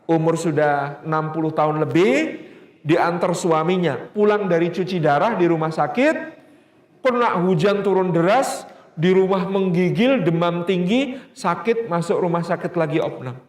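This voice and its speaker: A man preaching a storytelling sermon, lively and drawing out key words. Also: sits high, echoey room. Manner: lively, acting out dialogue, drawn-out emphasis.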